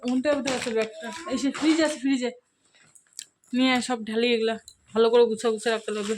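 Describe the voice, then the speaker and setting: A woman's voice: on the high side, steady tone, fast talker, noisy background. A young woman, narrating a casual home vlog while doing chores, chatty and talking to her child. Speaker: vlogger.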